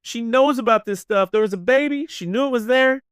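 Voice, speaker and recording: A man playing an excitable young male truck driver who talks emphatically and keeps saying "man". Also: very high-pitched, brisk, smooth, dry recording, studio quality, voice pushed up. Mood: awestruck, urging.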